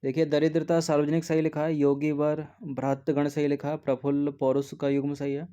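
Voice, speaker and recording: Mellow-voiced man explaining test answers. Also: fairly high pitch, monotone, fairly quick, smooth. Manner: patient, repeats "theek hai" often. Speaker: exam prep teacher.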